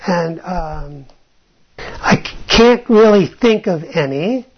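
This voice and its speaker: Taking it slowly, a Bible teacher talks informally in an animated, husky voice of medium pitch. He thinks aloud, frequently restarts phrases, and tags his points with a questioning "right?", recorded with dull lo-fi quality.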